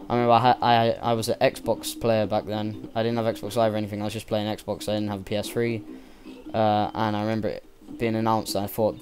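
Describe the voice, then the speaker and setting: A young male let's play gamer with a lowish voice gives casual gameplay commentary, rambling enthusiastically and swearing freely.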